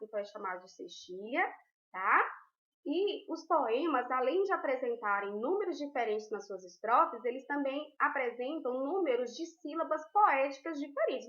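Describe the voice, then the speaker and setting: A woman's voice: high-pitched, fairly bright tone. A woman teacher giving a recorded class, explaining patiently step by step and checking in with her students often. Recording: roomy, dull lo-fi.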